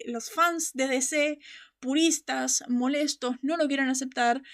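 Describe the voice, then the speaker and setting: Woman, fan-show host, high voice, gravelly fry, emphatic, laughs a lot. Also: a bit bright. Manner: passionate, emphatic, laughs often. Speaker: podcast host. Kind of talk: casual fan-show chat.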